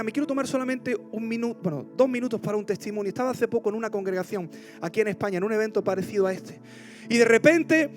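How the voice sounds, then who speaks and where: A man preaching a passionate sermon, telling stories with loud cries and hushed asides. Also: very high-pitched. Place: large church auditorium.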